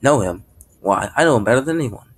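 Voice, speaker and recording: A man's voice: mid-range voice, lively intonation, fast talker, breathy edge. A man voicing an eccentric, cheerful circus clown with a grand showman's delivery, in a storybook reading. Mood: enthusiastic.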